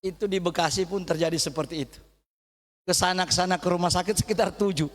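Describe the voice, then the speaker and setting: A middle-aged man preaching a sermon, telling a personal testimony in an animated way, swinging from loud to hushed. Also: sits high, fast. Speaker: pastor. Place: church hall. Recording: church hall reverb.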